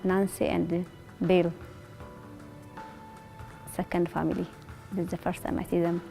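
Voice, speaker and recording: Earnest woman, low warm voice. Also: little pitch movement, a little slow, gravelly, soft background music. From Eritrea. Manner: earnest, simple non-native phrasing. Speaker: resettled refugee. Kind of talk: documentary interview.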